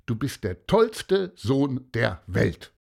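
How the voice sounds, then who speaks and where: A man voicing a proud, warm-hearted father in a storybook, speaking emphatically and loudly. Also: mid-range voice, big pitch swings, slow, gravelly, heavily acted.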